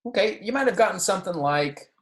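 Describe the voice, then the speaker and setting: With a mid-range, animated voice and a quick pace, a Spanish teacher gives a beginner pronunciation lesson full of repeat-after-me examples. The teaching is instructional, with frequent check-ins with the class, captured in an echoey, roomy space.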